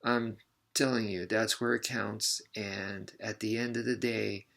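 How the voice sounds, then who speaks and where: A man's voice: on the low side, steady tone, unhurried, vocal fry, fairly bright tone. A male martial arts instructor telling a personal story in a casual, rambling way, mocking himself and repeating words for emphasis.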